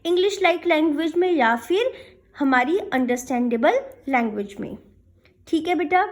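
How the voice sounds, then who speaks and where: A woman with a high, animated voice speaks at a moderate pace. She lectures as a programming teacher, posing questions and answering them herself, often adding check-in tags and dropping in English technical terms.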